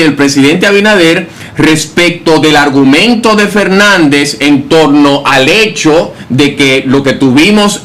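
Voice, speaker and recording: A man's voice: a little high, a bit bright. A man giving opinionated, emphatic political commentary in a casual discussion. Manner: opinionated, emphatic, with rhetorical questions.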